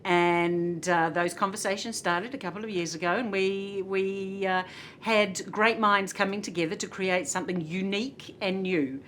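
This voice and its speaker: A middle-aged woman with a New Zealand accent, a hotel executive chatting in an interview, laughing often and filling pauses with many uhs. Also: medium pitch, steady tone, fairly bright tone, slight background noise. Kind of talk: casual interview chat.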